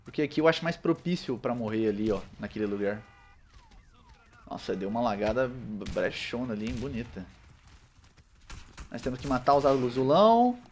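A young man with a Brazilian Portuguese accent giving casual, slangy commentary over his own gameplay, with excitable loud outbursts. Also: mid-range voice, moderate pace, long pauses, slight background noise. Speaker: gaming channel host.

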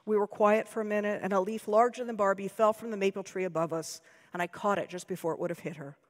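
An American woman author reading her own fiction aloud in a dry, measured, deadpan way. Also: medium pitch. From United States. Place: lecture hall. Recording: long hall reverb.

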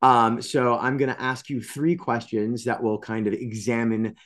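A man in his thirties hosting a writer interview on a video call, talking in an animated, expressive way. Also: mid-range voice, unhurried. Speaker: interview host. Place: home studio with colored light strips.

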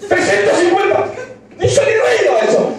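A man in his twenties with an Argentine Rioplatense accent, performing a crude, excitable stand-up routine with shouted bursts. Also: very high voice, moderate pace, a loud crowd. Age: 20s. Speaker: stand-up comedian. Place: piano bar stage with live audience. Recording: echoey bar room, mic far off, audience noise.

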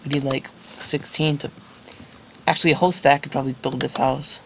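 A gravelly, mid-range male voice keeps a steady tone and a fairly quick pace as a young gaming host comments on gameplay. He rambles, makes jokes at his own expense, and fills in with many fillers; keyboard clicks and typing run through the noisy home recording.

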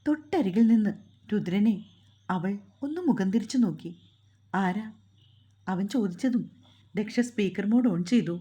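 A woman reading a romance story aloud in a steady, even storytelling manner. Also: medium pitch, moderate pace, breathy edge.

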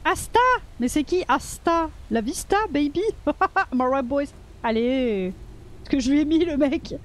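This female streamer's voice sits high and moves at a measured pace. She offers playful, casual let's-play commentary, swearing without restraint and talking back to the characters on screen.

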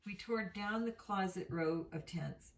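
A woman's voice: mid-range voice, unhurried. Woman reading aloud, roomy distant sound. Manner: unpolished reading with slips and self-corrections. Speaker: reader.

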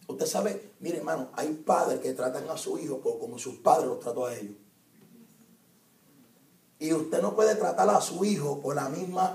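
Emphatic preacher, roomy hall. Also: male voice, on the high side. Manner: emphatic preaching with rhetorical questions to the audience. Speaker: evangelist preacher. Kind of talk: sermon. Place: church hall at a youth conference. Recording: roomy, distant church hall recording.

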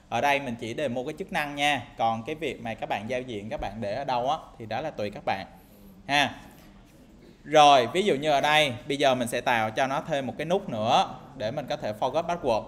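A man's voice: mid-range voice, fairly bright tone, a little hiss or hum. A man teaching game programming in a screen-recorded tutorial, talking casually and thinking aloud with lots of fillers and tag questions. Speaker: programming instructor.

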